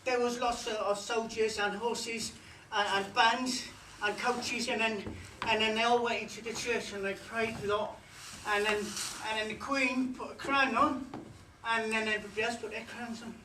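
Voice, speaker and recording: A stammering eager young schoolboy. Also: male voice, sits high, little pitch movement, moderate pace, sharp tone. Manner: stammering, repeats "and then". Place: theatre stage, dress rehearsal. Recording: roomy stage, far from mic, noisy.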